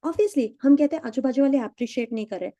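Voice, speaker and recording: A middle-aged woman leads an EFT session over a video call, talking casually and with a playful, teasing edge. Her voice sits high yet sounds mellow and soft-edged. She drops English phrases in between and acts out the lines she quotes. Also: fast, dry recording. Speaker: EFT and meditation coach. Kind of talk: casual live online session talk.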